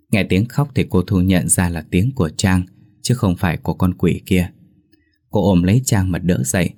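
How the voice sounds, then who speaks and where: Deep-voiced man telling a ghost story. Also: mellow. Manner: dramatic, suspenseful.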